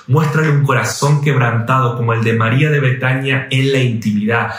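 A man preaches a fervent sermon. His voice sits in a middle pitch. It swings between rapid bursts and slow, weighty emphasis, all ringing in a very echoey room. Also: fairly even intonation. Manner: impassioned, exhorting, shifts between fast bursts and slow drawn-out emphasis.

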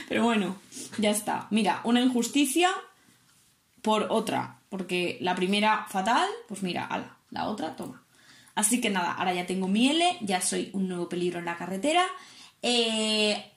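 A young woman with a Spanish accent from Spain, telling a story to her vlog audience in a lively, casual way, acting out quotes and swearing freely. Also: medium pitch, normal speed, gravelly. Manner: animated, swears often, acts out quotes. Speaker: vlogger. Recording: echoey room.

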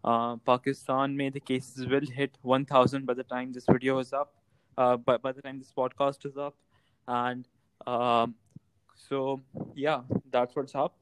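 A man's voice: mid-range voice, level tone, moderate pace, clean tone, dry recording, poor audio. A man with a Pakistani accent hosting a casual podcast, switching between English and Hindi-Urdu mid-sentence. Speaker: podcast host.

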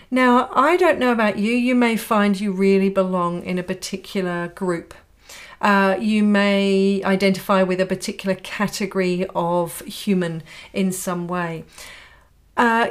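A woman hosting a reflective solo podcast, thinking aloud and putting rhetorical questions to the listener. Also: medium pitch. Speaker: podcast host.

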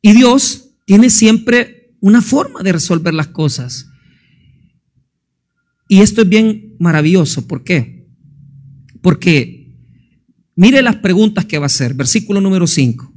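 A male pastor giving a fervent sermon, firing questions at the congregation and swinging between booming and hushed delivery. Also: animated, unhurried, pauses often. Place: church.

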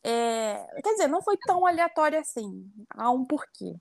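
A young woman from Rio with a Carioca accent, telling her story in a chatty, reflective way. Her voice sits high, and the recording is dry and close. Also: sing-song, moderate pace, vocal fry, a little mellow, dry recording. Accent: Carioca Brazilian Portuguese. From Rio de Janeiro, Brazil. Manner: chatty, reflective, frequent tag questions. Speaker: guest. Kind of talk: casual interview conversation.

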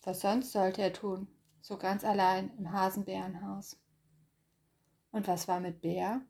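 A woman reads a bedtime story aloud. She takes her time, with a gentle storytelling manner. Her voice sits at an ordinary middle pitch. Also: little pitch movement, unhurried. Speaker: reader.

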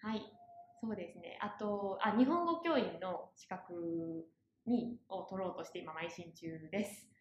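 A woman's voice: on the low side, a little slow, reverberant, lo-fi sound. Young woman, Kansai accent, casual chatter, laughs often, faint hiss behind. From Osaka, Japan. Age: young adult. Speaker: guest, university student. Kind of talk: casual podcast chat.

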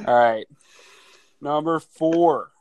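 A man's voice: a little high, slow pace, a little mellow, no echo, highs cut off. A man in his thirties hosting a casual chat, who laughs often, swears freely and acts out family scenes. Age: 30s. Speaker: podcast host.

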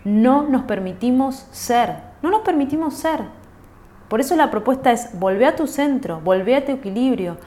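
A woman's voice: sits high, darkish tone. A woman with a Rioplatense accent hosting a self-help podcast, reflective, repeating phrases and asking herself rhetorical questions. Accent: Rioplatense Spanish. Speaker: podcast host.

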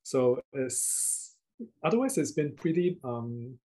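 A man with a Singaporean accent answering interview questions casually, often pausing and rephrasing mid-sentence in a hesitant way. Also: medium pitch, big pitch swings, dark tone. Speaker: guest, writer and researcher.

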